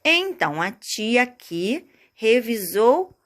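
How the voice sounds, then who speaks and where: A woman teacher's high voice leaps up and down as she coaxes little children through a lesson. She speaks very slowly, stretching out each key word so they can follow along. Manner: animated, coaxing, stretches out key words. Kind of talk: recorded lesson for small children.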